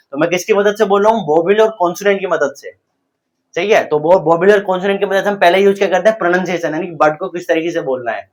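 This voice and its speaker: A man teaching English pronunciation in Hindi, explaining step by step and asking and answering his own questions. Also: fairly high pitch. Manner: addresses viewers as guys. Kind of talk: Hindi-language English lesson.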